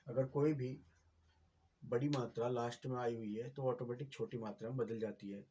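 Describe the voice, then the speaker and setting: A man's voice: mid-range voice, steady tone, normal speed, warm tone, a little hiss or hum. A man, patiently explaining a writing lesson as a teacher, with many fillers and repeated checks.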